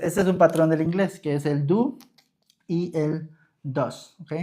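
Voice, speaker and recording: A young Mexican man with a slightly high voice teaches English grammar on a live stream in Mexican Spanish. He talks in a relaxed, chatty way, answers viewers' comments and keeps checking in with "¿ok?".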